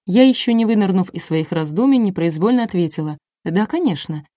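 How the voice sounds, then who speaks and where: A woman's voice: mid-range voice, lively intonation, quick pace, warm tone, no room sound, clean studio sound. Wry woman audiobook narrator. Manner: wry, ironic storytelling. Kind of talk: first-person audiobook narration.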